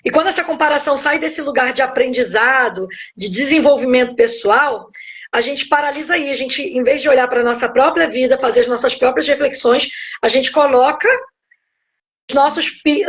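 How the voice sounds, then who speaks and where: Brief: middle-aged Brazilian woman pastor, slightly high voice, reflective live-stream teaching over a phone. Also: moderate pace. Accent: Brazilian Portuguese. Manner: reflective, explains step by step, keeps checking in with "né?". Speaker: pastor and guest speaker.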